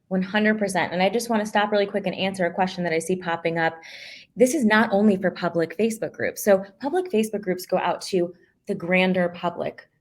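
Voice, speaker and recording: A woman co-hosting a live business webinar, explaining with energy and quick restarts as she teaches. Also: mid-range voice. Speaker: co-host and business coach.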